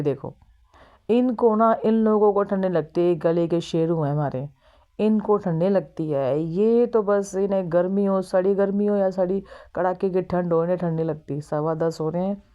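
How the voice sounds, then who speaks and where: A woman's voice: lowish voice, highs cut off. A young woman, a mother, narrating her morning at home in a chatty, exclaiming vlog style, talking straight to her viewers. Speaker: vlogger and mother. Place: at home, moving between rooms and outside.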